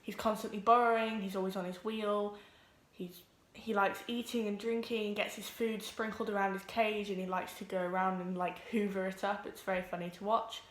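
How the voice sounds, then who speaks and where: A woman's voice: mid-range voice, level tone, reverberant. Nervous teen girl vlogging. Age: teens. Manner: nervous, talks quickly with many ums. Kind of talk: casual vlog introduction. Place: home room with pets.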